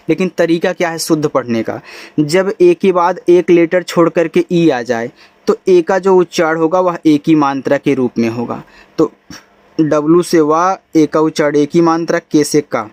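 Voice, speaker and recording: A man's voice: a little high, a little mellow, no echo. A man teaching English in a spoken lesson, explaining spelling and pronunciation patiently in a casual, friendly way. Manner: casual and friendly, says bhai and yaar.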